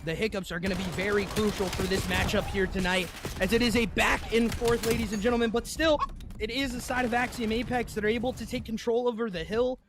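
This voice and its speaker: Here a young man does play-by-play for an esports match, chatting with stream viewers and saying sorry for his hiccups. His high voice holds a steady tone at a slightly fast clip. Noise is audible in the background.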